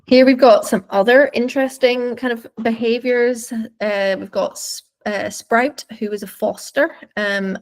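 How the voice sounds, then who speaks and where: Woman, dog trainer, webinar commentary, thoughtful, mid-pitched, vocal fry. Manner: explanatory, thoughtful, searching for words. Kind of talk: webinar commentary over videos.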